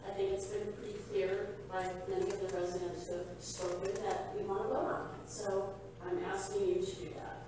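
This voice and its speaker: A woman's voice: mid-range voice, little pitch movement, brisk. A woman makes an earnest, firm public comment, urging city council members to act. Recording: echoey council chamber, far from the mic, background noise.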